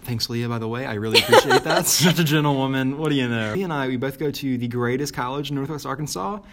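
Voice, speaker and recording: A man's voice: medium pitch, fast, fairly bright tone. A young Southern man from Mississippi co-hosting a podcast, loose and joking, often breaking into laughter. His voice sits mid-range for a man. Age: young adult. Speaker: podcast co-host. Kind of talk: casual chat.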